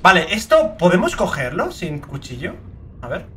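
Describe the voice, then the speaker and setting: A young man from Spain narrates his gameplay in a high, bright voice that swings up and down all the time. He talks excitably, curses freely and breaks into shrieking outbursts. A faint hum of room noise sits under his voice. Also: moderate pace. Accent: Spain Spanish. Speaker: gaming video creator. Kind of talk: let's play commentary.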